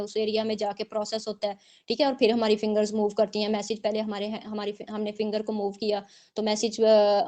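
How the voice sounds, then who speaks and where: Her voice is mid-range and darkish as she leads an online exam-prep lecture. This teacher explains patiently, goes back over her points, and often asks "theek hai" to make sure her students are following.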